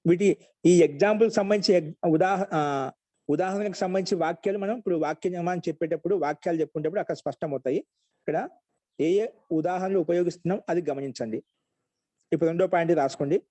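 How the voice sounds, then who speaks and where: Man, online grammar teacher, slightly high voice, dry close sound, dictates slowly with repeats. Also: warm tone, no echo, rough recording. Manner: repeats each rule slowly for note-taking. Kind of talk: dictation-paced online lesson.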